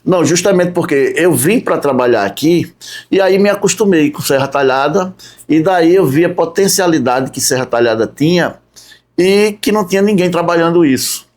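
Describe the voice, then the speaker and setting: A man from Recife, Brazil, a tourism guide appearing as a podcast guest, chats casually in an interview, unhurriedly listing his jobs step by step and ending sentences with a questioning "né?". His voice is a little high, animated and a little mellow.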